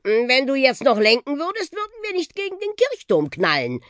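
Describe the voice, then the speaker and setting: A woman's voice: mid-range voice, wildly swooping pitch, measured pace, no echo, studio quality, voice pushed up. A woman voicing a cheerful, show-off old male talking bus in a children's audiobook. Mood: cheeky. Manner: cheerful, show-off, breathless boasts.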